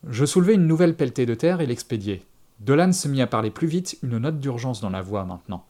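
A man narrates a first-person story at a measured, steady pace. His voice sits in a middle pitch. The delivery is plain audiobook reading.

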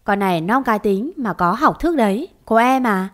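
A woman's voice: a little high, animated, moderate pace, natural voice. Woman voicing a crude mocking male gangster. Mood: sneering. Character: coarse bullying male gangster debt collector.

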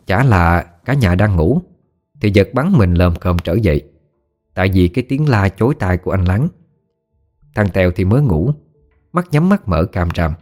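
A man's voice: deep voice, expressive, moderate pace, pauses often, darkish tone, faint music behind. A man narrating a ghost story in a folksy storytelling manner.

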